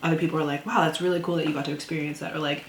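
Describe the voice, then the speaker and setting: A woman from Canada chatting casually over a meal, relaxed and easygoing. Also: low-pitched, rapid-fire. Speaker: co-host. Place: indoors at a table. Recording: echoey room, faint noise.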